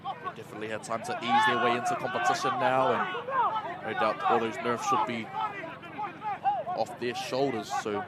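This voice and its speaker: A man with a broad New Zealand accent giving animated live sports commentary as the lead caller. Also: medium pitch, moderate pace, pauses often. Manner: animated announcer delivery. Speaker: lead rugby league commentator. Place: outdoor sports ground. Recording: noisy outdoor ground, loud crowd. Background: loud crowd and outdoor noise.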